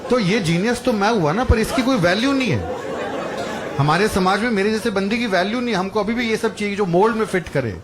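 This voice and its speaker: Brisk and fairly high-voiced, this young comedian performs stand-up in a club, delivering chatty stories with coarse punchlines. The audience's laughter is loud, layered over ambient room noise.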